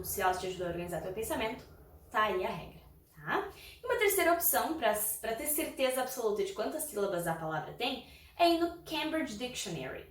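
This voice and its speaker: A woman's voice: a little high, distant mic. A woman, an English teacher, gives an online lesson. She explains step by step and keeps checking in with short "tá?" and "ok?" tags. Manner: explains slowly, often checks in with "tá?" and "ok?". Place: indoor room, traffic heard outside. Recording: roomy sound from off the mic, faint background noise.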